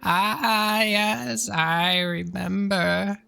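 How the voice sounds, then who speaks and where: A man with a slightly sore throat putting on the voice of a mysterious elderly man who speaks slowly and musingly. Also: sits high, fairly even intonation, vocal fry, sharp tone, smooth, faint music behind, voice pushed up, heavily acted. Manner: slow, drawn-out, musing. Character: elderly man, slow and mysterious, warning of magic.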